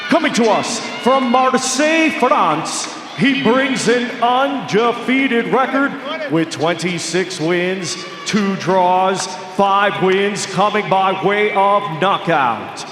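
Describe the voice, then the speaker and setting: A man making formal boxing ring introductions like a lucha libre announcer, booming out names and stretching them for the arena. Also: animated, takes it slowly. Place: large indoor boxing arena. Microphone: ring announcer's microphone over PA. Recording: echoey arena PA, loud crowd noise.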